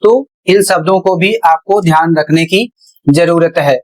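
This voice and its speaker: A male teacher explaining pronunciation rules at a board in a deliberate way, repeating each step. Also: a little high, low-quality recording. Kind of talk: slow classroom explanation at a board.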